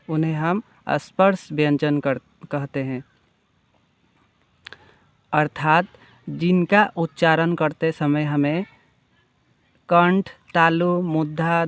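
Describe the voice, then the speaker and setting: Male teacher, slightly high and clear-voiced, patient repeating explainer. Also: no room sound. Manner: defines each term, then restates it. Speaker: Hindi grammar teacher. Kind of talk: slow, explanatory grammar lesson.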